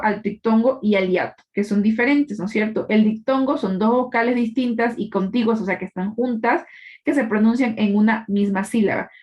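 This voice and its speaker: A woman teacher giving a live online class, explaining patiently and often checking in with her students. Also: fairly high pitch. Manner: explanatory, checks in with tag questions.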